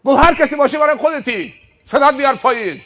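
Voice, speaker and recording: A man's voice: fairly high pitch, faint music behind, natural voice. A man acting out a stern male angel of death who barks orders and coldly lists the man's riches.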